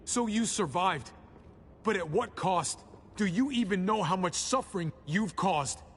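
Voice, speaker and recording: A man's voice: high-pitched, expressive, measured pace, long reverb tail, slight background noise. An actor playing a protective, earnest man in a video game, speaking firmly. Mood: confrontational. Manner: earnest and firm. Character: protective man standing up to a leader.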